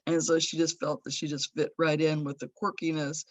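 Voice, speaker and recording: Over dry video call audio, a Los Angeles woman in her sixties gives a personal remembrance, rambling warmly through fond memories of an old friend and laughing fondly. Her voice is low and flatly delivered, a little fast, with no echo.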